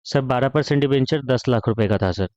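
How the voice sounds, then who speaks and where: A man's voice: medium pitch, fairly quick, a little mellow, dry recording, lo-fi sound, close to an everyday voice. A man voicing his own cheeky class of pupils, who answer and tease their teacher. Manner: cheeky, pleading with sir.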